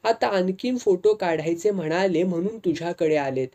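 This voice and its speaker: A bold, eager young fisherwoman coaxing her stern father in village dialect, as a storyteller puts her on. The pitch lifts above the narrator's usual voice. The tone is soft and mellow, as in an audio novel. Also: normal speed, natural voice.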